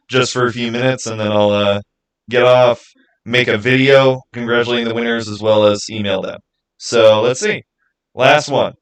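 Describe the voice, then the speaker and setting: This livestream host has a mid-range, somewhat bright voice, captured on poor audio. He keeps things informal, chatting with his viewers and thinking aloud along the way.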